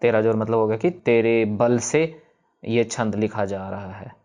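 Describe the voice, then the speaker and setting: A man teaching the pronunciation of a prayer text, patiently explaining and demonstrating words slowly syllable by syllable. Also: fairly low pitch, flat delivery, a little mellow, muffled recording. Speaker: recitation teacher.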